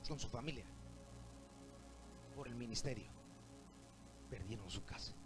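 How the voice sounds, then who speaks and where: A man preaching a sermon to his church congregation, often rising to shouts. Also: medium pitch, a little slow, over music, low-quality recording. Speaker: pastor. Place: church sanctuary.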